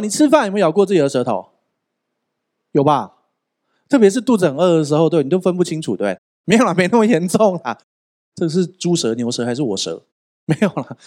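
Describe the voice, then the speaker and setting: Lively, joking male pastor preaching. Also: on the high side. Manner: animated, joking, keeps asking the audience questions. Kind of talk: sermon.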